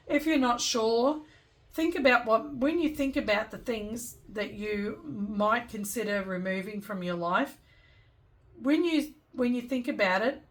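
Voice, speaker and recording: Woman fortune teller giving a card reading. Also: medium pitch. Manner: gentle advising, thinking aloud, addressing the listener directly. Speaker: tarot and oracle card reader.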